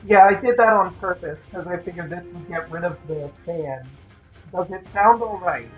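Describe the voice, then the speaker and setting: A man's voice: high-pitched, normal speed, soft background music. Man muffled as if through a wall. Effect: muffled and distant, as if heard through a wall. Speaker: player. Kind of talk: casual tabletop game chat. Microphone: earbud headset mic. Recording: muffled lo-fi earbud mic.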